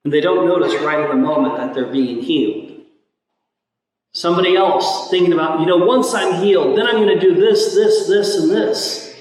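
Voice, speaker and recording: High-voiced priest in cathedral echo. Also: male voice, moderate pace, a little mellow. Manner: earnest and reflective, circles back to repeat key phrases. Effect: cathedral echo, voice ringing through a large church. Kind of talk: gospel reading and homily. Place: large church. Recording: echoey church hall from far off.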